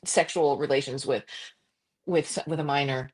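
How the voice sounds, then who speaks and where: A middle-aged Croatian woman, a journalist, speaks as a guest in a conversational interview. Her husky voice is animated and impassioned, she often restarts sentences and laughs quickly, and she jumps to a high pitch when quoting others.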